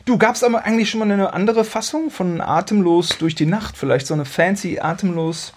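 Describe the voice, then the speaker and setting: A man's voice: high-pitched, a little fast, a little hiss or hum. A man co-hosting a podcast in casual chat, talking in a rambling, tongue-in-cheek way. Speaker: podcast co-host.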